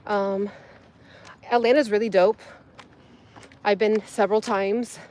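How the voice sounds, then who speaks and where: A woman's voice: medium pitch, fairly even intonation, takes it slowly, a little mellow. Woman vlogging while hiking, breathing hard. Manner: chatty, filler-heavy, greets viewers. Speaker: fitness vlogger. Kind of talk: casual livestream chat while hiking. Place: outdoors on a steep hill walk.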